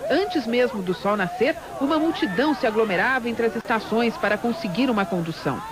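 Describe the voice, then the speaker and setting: Brazilian male reporter, animated scripted read, widely varied pitch, clear ambient noise. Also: brisk. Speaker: news reporter. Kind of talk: scripted news narration. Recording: clear urban background noise.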